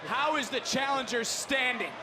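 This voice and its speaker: High-pitched man shouting wrestling commentary. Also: normal speed, a crowd in the background. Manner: shouted, dramatic calls in short clipped phrases. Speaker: lead play-by-play wrestling commentator. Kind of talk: excited live wrestling commentary. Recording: loud arena noise.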